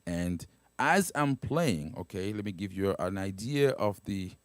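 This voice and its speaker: A man casually demos a keyboard's sounds step by step, often checking in with "right?" and "okay?", speaking haltingly with fillers and restarts. His low voice is animated, with no room sound, and keyboard pads and guitar play behind him.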